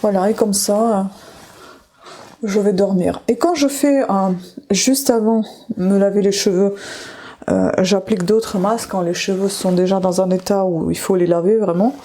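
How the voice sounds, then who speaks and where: This is a relaxed vlog chat from a middle-aged beauty vlogger doing her nightly skincare in a bathroom at home. She speaks to the camera in a mid-range voice at a moderate pace, and there's a little hiss or hum on the recording.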